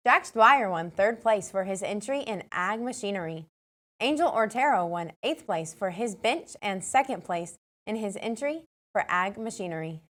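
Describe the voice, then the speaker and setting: A teenage girl anchoring a student news show, steadily reading a list of school announcements and award winners. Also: medium pitch.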